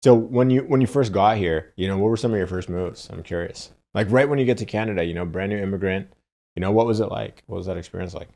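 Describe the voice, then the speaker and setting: A young adult man hosting an interview at a guest's home, upbeat and playful, trading quick banter. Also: on the low side, vocal fry, warm tone. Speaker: podcast host. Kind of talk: casual interview. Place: home living room. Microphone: studio mic on boom arm.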